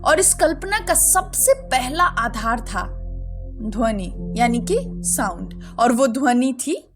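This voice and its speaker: Woman narrating a spiritual explainer, earnest, talks right to you, lively voice. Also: on the high side, takes it slowly. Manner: earnest, addresses the viewer directly. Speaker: channel host explaining a mantra. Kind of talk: narrated explainer in Hindi with English words. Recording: voice-over with clear background music.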